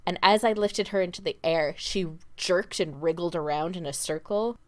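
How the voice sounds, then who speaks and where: Low-voiced woman telling stories, laughing. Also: normal speed. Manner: chatty storyteller, laughs often. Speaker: podcast co-host. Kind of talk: casual chat. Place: home.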